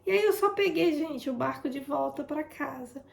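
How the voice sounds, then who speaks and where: In a prayer broadcast, an intercessor gives an informal testimony at a normal speed, her fairly high voice carrying a gravelly, fry-touched edge. She is chatty, keeps turning to her listeners and re-enacts conversations, all against a roomy echo.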